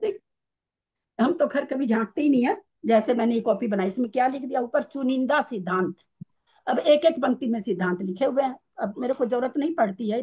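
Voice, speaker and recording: Chatty woman teacher, kinda husky voice, on the higher side, keeps restarting lines and giving kitchen examples. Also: warm tone, dull audio. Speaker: scripture class teacher. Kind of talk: casual teaching talk.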